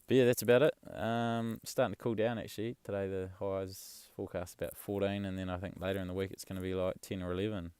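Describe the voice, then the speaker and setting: A young man chatting casually in a vlog, rambling and relaxed, swearing offhand. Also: deep voice, fast talker, few pauses, smooth, dry recording. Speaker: travel vlogger. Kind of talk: casual chat.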